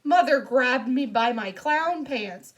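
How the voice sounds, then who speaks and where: A woman's voice: high-pitched, lively intonation, takes it slowly. Woman narrating a children's audiobook playfully.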